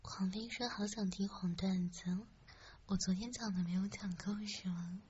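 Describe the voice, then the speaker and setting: A woman's voice: mid-range voice, fairly even intonation, normal speed, lo-fi sound, slight background noise. A young woman hosting a late-night live stream, whispering close to the mic, teasing and chatting with listeners. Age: young adult. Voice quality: soft whispering. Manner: teasing, playful, reads comments. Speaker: radio streamer host.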